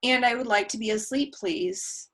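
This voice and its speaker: A woman in a casual faith discussion, speaking thoughtfully in a halting way with many fillers. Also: fairly high pitch, fairly bright tone.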